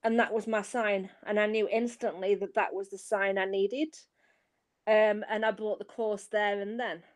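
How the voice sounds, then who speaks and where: A woman's voice: mid-range voice, steady tone, moderate pace. A woman guest on a podcast, a tarot reader and coach, earnestly telling her story in casual chat and often restarting her phrases.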